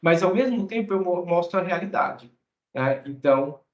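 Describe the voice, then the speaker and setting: A man's voice: high-pitched, lively intonation, normal speed. A man from Mato Grosso, Brazil, working as an English teacher, explaining things to students in a casual, conversational way and often tagging his phrases with a question. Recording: echoey room, dull lo-fi sound.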